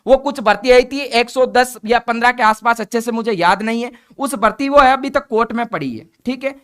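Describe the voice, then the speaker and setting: A man's voice: very high voice, fairly quick, a bit bright, clean tone. A man, an exam coaching teacher speaking bluntly and directly to his viewers in a conversational update talk.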